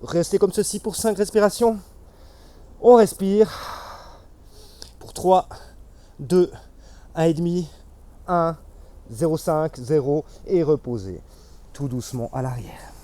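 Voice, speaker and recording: Male Pilates instructor, bit high, mellow tone, counts reps mid-workout. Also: measured pace, pauses often, dry recording. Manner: cueing and counting reps while exercising.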